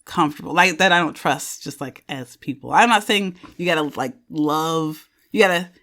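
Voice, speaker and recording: A woman's voice: sits low, normal speed, a bit bright. Rambling woman in her thirties. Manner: rambling, self-correcting, laughs often. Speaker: podcast host sitting in as guest. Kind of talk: casual podcast chat.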